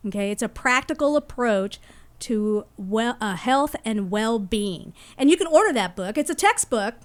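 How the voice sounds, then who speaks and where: A woman's voice: on the high side, animated, normal speed. A woman hosting a local community podcast, chatting in a rambling way with frequent restarts, sitting in a studio with her guest. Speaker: podcast host.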